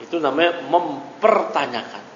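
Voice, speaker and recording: A man's voice: a little high, lively intonation, normal speed, a little hiss or hum. A male religious teacher giving a classroom lecture, reading a line from a text and then explaining it, checking in with his listeners as he goes. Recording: dull lo-fi recording in an echoey hall.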